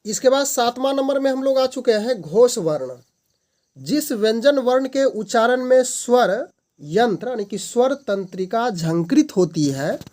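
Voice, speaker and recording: A man's voice: high voice, darkish tone. A man teaching a grammar lesson as the host of his channel, stating each definition and then restating it in simpler words.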